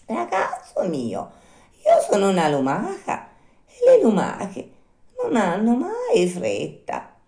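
Slow drawly snail lady voiced by a woman, chill and unbothered, echoey. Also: medium pitch, vocal fry, pitched above the performer's own voice, full character voice. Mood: placid. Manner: slow drawn-out calm speech. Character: unhurried female snail, calm and phlegmatic. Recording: roomy echo.

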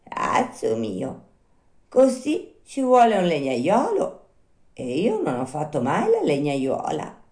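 Slow drawly snail lady voiced by a woman, chill and unbothered, echoey. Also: low-pitched, full character voice. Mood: placid. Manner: slow drawn-out calm speech. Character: unhurried female snail, calm and phlegmatic. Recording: roomy echo.

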